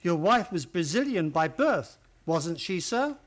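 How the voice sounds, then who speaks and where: An actor playing a genial, loyal, courteous gentleman doctor, a detective's companion, in an old-fashioned radio play manner. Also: sits high, very animated, unhurried.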